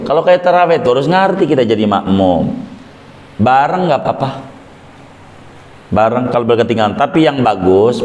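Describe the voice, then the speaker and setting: A man teaching a weekly religious law lesson in a lively, joking way, acting out worshippers. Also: mid-range voice. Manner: lively, jokey, acts out worshippers. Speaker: Islamic teacher. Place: prayer room. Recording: echoey prayer room.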